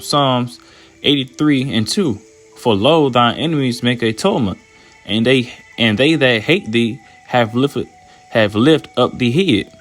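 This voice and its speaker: A man's voice: mid-range voice, a bit bright. A man preaching informally and reading scripture aloud, repeating himself, restarting phrases and ending lines with "man" in a slangy, scolding way. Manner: repetitive, stammering restarts, tags "man" onto phrases. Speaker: self-styled preacher.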